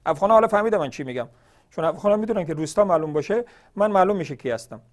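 A man from northern Iran, high-pitched and animated, hosts a religious question-and-answer show. He argues emphatically in a televised polemical monologue, firing off one rhetorical question after another.

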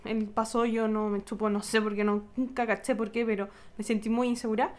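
A young woman with a Chilean accent animatedly tells her followers a story in a casual vlog, talking a little fast in a high-leaning voice. She adds sound effects and acts out what people said.

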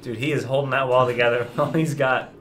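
A man's voice: mid-range voice, fairly even intonation, fast talker, a little hiss or hum. A man giving casual comedic commentary on a video game, wisecracking and sarcastic, swearing now and then. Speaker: co-host of a game playthrough. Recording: voice over loud game music.

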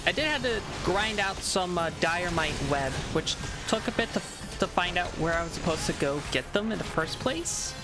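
A woman's voice: on the low side, expressive, moderate pace, music in the background. A woman streamer chatting casually while she plays, rambling with repeated words and restarts. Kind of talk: casual live-stream chat while gaming.

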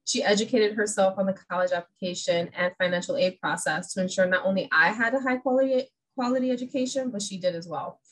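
A woman's voice: medium pitch, fast talker, few pauses, fairly bright tone, low-quality recording. A woman from New York giving an upbeat, personal presentation over a video call. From New York, USA. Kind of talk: webinar presentation.

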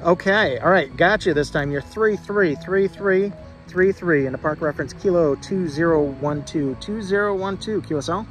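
A man's voice: on the high side, moderate pace, faint music behind. A man working as an amateur radio operator, repeating reports and spelling call signs in the phonetic alphabet. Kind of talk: amateur radio contact calling. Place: outdoor park radio activation.

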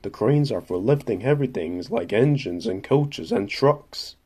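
A patient railway driver explains things in a calm, even way, as a male narrator plays him. His voice sits mid-pitched, close to the reader's own. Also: a little slow, slightly rough. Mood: explaining.

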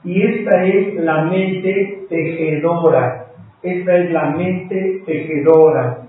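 A man leads a Bible class at a very unhurried pace, spelling out each word letter by letter for his listeners. His voice sits a bit high for a man. It comes from well away from the mic, in a strongly echoing room, through a narrow, phone-like sound. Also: distant mic. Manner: slow and deliberate, spelling words out letter by letter; patient, addresses listeners as brothers. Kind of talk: live-streamed Bible class.

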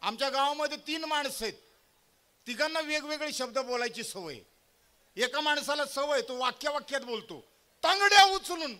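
A male stand-up comedian with a very high, bright voice. He tells his stories in a loud, punchy, animated way, live on stage. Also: moderate pace. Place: stage before a live audience.

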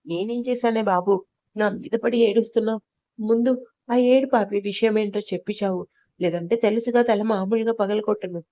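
A woman's voice: mid-range voice, steady tone, a little fast, dark tone, dry recording, natural voice. A woman voicing a young husband in an audio love story, teasing his wife with playful scolding. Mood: mock threatening.

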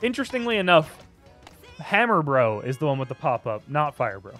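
A young man doing casual play-by-play commentary on a video game match, chatty and quick to get excited by big plays. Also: fairly high pitch, faint music behind.

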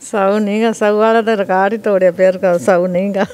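A grandmother with a Punjabi accent telling lively stories about her grandchildren and quoting them. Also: mid-range voice, fast talker, dry recording. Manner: lively storytelling, quoting the children. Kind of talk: casual interview.

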